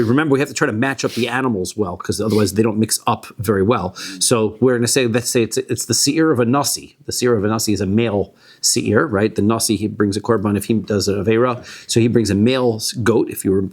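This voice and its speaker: Rabbi guy teaching talmud, chatty, jokey, keeps asking right? okay?. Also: medium pitch. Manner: conversational, checking in with "right?" and "okay?"; joking, light-hearted. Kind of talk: Talmud study lesson.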